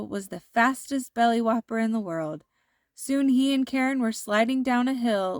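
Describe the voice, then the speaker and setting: This fairly high-pitched woman brings a children's storybook to life with a deliberate, expressive delivery. The sound is clean studio quality with no echo.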